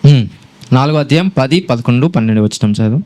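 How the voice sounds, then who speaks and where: A man's voice: medium pitch, brisk. A man preaching a sermon, quizzing the congregation and mixing in English phrases. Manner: animated preaching, quizzing the congregation, switching between Telugu and English.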